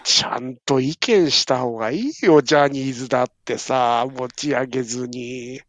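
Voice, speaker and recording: A man's voice: mid-range voice, moderate pace, no room sound. A man dropping teasing quips in a casual chat.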